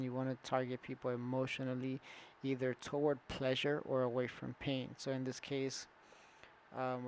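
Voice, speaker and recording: A man's voice: medium pitch, darkish tone, a little hiss or hum, poor audio. A man walking through an online store setup in a casual screen-recorded tutorial, thinking aloud with fillers and restarts. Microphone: computer setup with screen recorder and camera.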